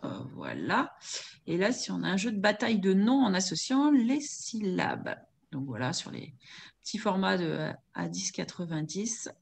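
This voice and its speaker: A woman's voice: mid-range voice, sing-song, measured pace, creaky, breathy edge. A woman moderating an online webinar, relaying audience questions and handing over to her co-presenters on a video call.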